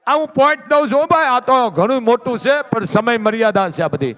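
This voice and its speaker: A man telling a devotional story in an animated, dramatic, lecturing way. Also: extremely high pitch, moderate pace, dull audio. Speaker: religious storyteller.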